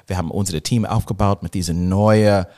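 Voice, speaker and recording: A low-pitched man chats casually in German with a clear American English accent. He is a non-native speaker who searches for words, drops in English terms and often tags his sentences with a short question. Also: fairly even intonation, fairly quick, mellow. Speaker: podcast guest, marketing business owner. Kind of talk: casual conversational interview.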